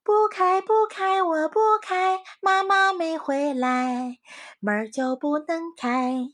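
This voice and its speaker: Woman doing tiny shrill bunny kids. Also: slow, fairly bright tone, exaggerated voice. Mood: defiant. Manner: shrill, chanting in chorus. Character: little bunnies, small excited children.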